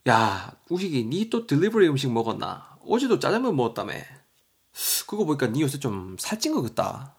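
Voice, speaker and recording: A man voicing a blunt young man with a Gyeongsang dialect accent, roughly scolding his friend in a vocabulary lesson story. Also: medium pitch, wildly swooping pitch, moderate pace, full character voice. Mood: nagging.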